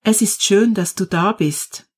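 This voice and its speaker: Woman voicing a frail, quiet old woman. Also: medium pitch, a little slow, husky. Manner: quiet, tender. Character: sick, lonely old woman, soft-spoken. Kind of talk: storybook reading.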